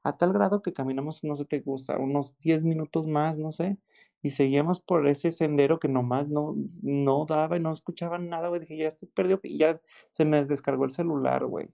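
A man with a Mexican accent telling a story in casual chat, excited and slangy, often repeating exclamations. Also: fairly high pitch, brisk, gravelly. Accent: Mexican Spanish.

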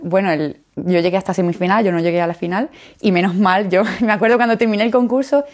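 A woman's voice: medium pitch, fairly even intonation, fast. A young woman from Jerez with an Andalusian accent, a flutist guest in a casual interview, telling her story with animation, acting out what she said back then and laughing often. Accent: Andalusian Spanish. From Jerez, Spain.

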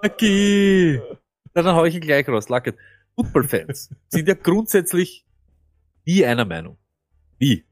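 A man's voice: a little high, very animated, unhurried, long pauses. A man co-hosting a fantasy football podcast, telling things emphatically and animatedly. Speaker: podcast co-host. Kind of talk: casual fantasy football chat.

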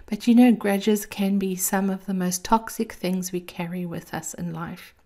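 A woman delivers a scripted piece of encouragement like a femme fatale, sultry and intimate. Her sweet voice is dark and mellow, with plenty of fry in it. She speaks as a host addressing her listeners closely. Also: medium pitch, steady tone, measured pace. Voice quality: sweet, creaky. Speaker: host of a daily encouragement series. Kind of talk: scripted motivational monologue.

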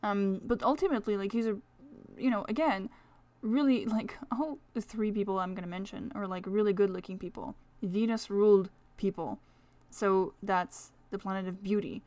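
A woman's voice: mid-range voice, normal speed, hardly any pauses, darkish tone, no room sound. A woman with a French accent hosting a casual solo podcast, talking in a rambling, chatty way full of fillers. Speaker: astrology podcast host.

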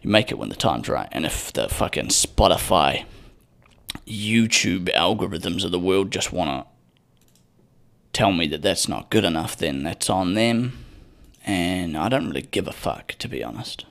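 Low-pitched but fairly bright in tone, a young man with vocal fry rants unhurriedly on his own podcast, his intonation lively. It's a casual solo monologue, full of profanity, rambling asides, and sardonic humor.

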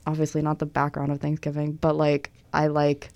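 Young woman co-host, smooth and lowish, chatty storyteller. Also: monotone, fairly quick, a little mellow, dry recording. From Tennessee. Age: 20s. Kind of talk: casual chat.

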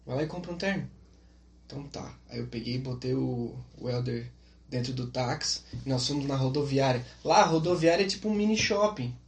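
A man's voice: mid-range voice, fairly quick, gravelly, reverberant. A man, a podcast guest, telling funny anecdotes casually and acting out the quoted people. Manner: animated, acts out quotes.

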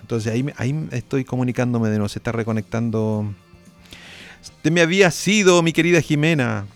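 A man hosts a radio interview, chatting conversationally and dropping quick affirming interjections. Faint music sits under his voice. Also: mid-range voice. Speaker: radio host.

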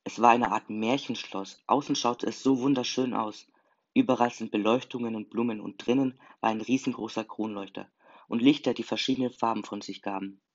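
A man's voice: mid-range voice, steady tone, normal speed. A man narrating a first-person story in an earnest, emotional reading. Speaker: story reader. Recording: slightly dull lo-fi recording.

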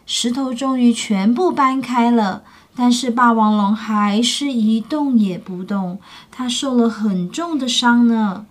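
A woman with a fairly high voice reads a picture book aloud to children. She tells the story expressively and stops now and then to ask her listeners questions. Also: takes it slowly.

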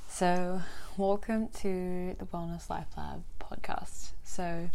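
A woman's voice: fairly low pitch, steady tone, slow pace, vocal fry, warm tone. A young Australian woman with a Western Australian accent, hosting a solo podcast in a chatty way, laughing often and restarting her sentences. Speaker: podcast host.

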